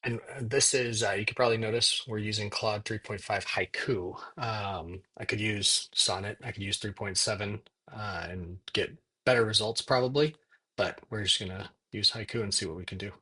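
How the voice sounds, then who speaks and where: A man giving a casual software tutorial, thinking aloud as he works at his computer. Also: fairly low pitch, fairly even intonation, breathy edge. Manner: thinks aloud while typing, dictating prompts in slow pieces. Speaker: software demo presenter. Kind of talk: casual screen-recorded tutorial narration.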